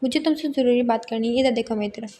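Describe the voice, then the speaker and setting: A woman narrator voicing a young man who teases his wife and then speaks with calm assurance, read in her own voice. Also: a little high, fast, slight background noise, close to an everyday voice. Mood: teasing. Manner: breezy, teasing, calm assurance. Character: young man, teasing then earnest husband.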